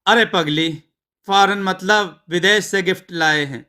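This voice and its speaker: A man voicing a patient young husband in a storybook tale who gently corrects his wife. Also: sits high, unhurried.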